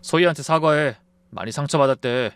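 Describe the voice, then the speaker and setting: A man's voice: fairly high pitch, brisk, fairly bright tone, smooth, no echo. A man voicing a defensive grown son in his thirties who snaps at his mother in a raised, irritated voice. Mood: reproachful.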